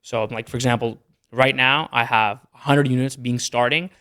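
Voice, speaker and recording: A young Canadian entrepreneur appears as a podcast guest in a casual interview, matter-of-factly rattling off his business numbers. His medium-pitched voice is steady, bright, forceful, clear and resonant, at a moderate pace.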